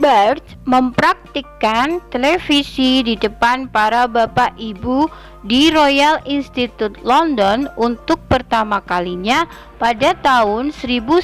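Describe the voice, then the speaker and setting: A woman giving an online grammar lesson as a teacher, reading example sentences aloud and explaining them slowly. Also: on the high side.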